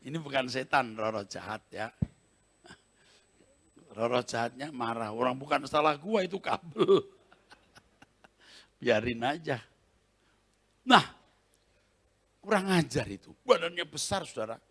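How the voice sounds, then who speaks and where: Animated, lively-pitched male preacher. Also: a little slow, pauses often. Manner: animated storytelling, laughs often, acts out scenes. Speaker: pastor. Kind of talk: sermon. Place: large convention hall, Christmas service.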